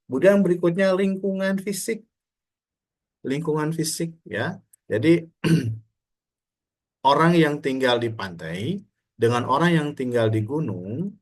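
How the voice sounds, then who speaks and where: A man from Indonesia giving a conversational university lecture, often asking his students rhetorical questions. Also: medium pitch. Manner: frequent Indonesian fillers and restarts. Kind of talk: classroom lecture.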